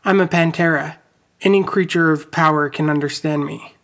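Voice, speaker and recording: A man voicing a calm, gruff male mountain-lion god in a passage he reads from his own book. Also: a little high, normal speed.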